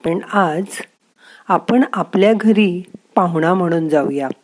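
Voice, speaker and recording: A woman's voice: lowish voice, takes it slowly, darkish tone. A woman narrating a guided meditation in a soothing, questioning way.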